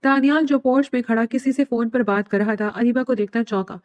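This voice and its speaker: A woman reading a romantic novel aloud in steady, even storytelling. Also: fairly high pitch, dry recording, dull audio. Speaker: narrator. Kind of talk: audiobook novel narration.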